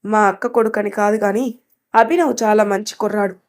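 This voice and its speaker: A woman voicing an affectionate, decisive middle-aged father in a spoken story, calm and fond in manner. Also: medium pitch, brisk, natural voice.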